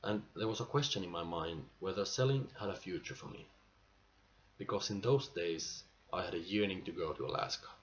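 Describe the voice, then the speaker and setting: A man playing an aging, nostalgic salesman in a dramatic stage monologue, earnest and halting, with emphatic bursts. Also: low voice, natural voice. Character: aging male salesman, nostalgic, pleading, weary pride. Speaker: actor performing a monologue. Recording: muffled amateur recording with clear background noise.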